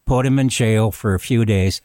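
A man's voice: on the low side, moderate pace, darkish tone, clean tone, no echo, studio quality. A man hosting a podcast, giving conversational, emphatic commentary. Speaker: podcast host.

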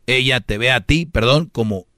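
A man's voice: medium pitch, normal speed, bright, forceful tone, no room sound, studio quality. Slangy man ranting on radio. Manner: preachy, mocking, slangy. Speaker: radio host giving advice. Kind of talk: comedic radio advice rant.

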